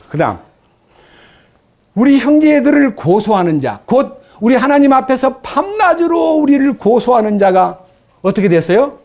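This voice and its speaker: A male pastor preaching a sermon in an animated way, acting out the voices he quotes. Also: very high voice.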